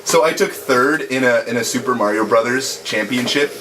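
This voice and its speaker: A man's voice: medium pitch, normal speed, low-quality recording. A young man hosting a gaming chat, telling rambling stories with casual swearing. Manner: rambling storyteller, swears freely, laughs often. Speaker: host and gaming commentator. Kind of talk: casual chat over gameplay. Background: retro game music.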